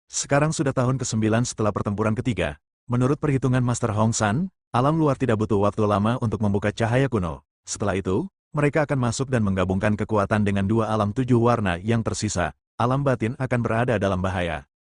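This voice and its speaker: A man voicing a wounded, deferential old male cultivator who reports in a steady, measured tone, close to his own voice. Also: lowish voice, no echo, lightly acted. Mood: grave.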